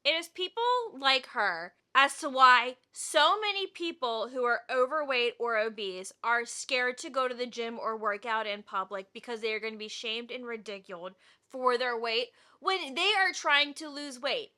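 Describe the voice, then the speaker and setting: A woman's voice: on the high side, moderate pace, few pauses, pushed and bright. A young woman hosting a reaction video, ranting in an exasperated, casual way.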